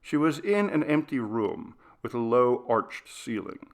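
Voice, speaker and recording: Reading a literary ghost story aloud for an audiobook, a man takes a measured, dramatic approach. His mid-range voice swings widely in pitch and carries vocal fry.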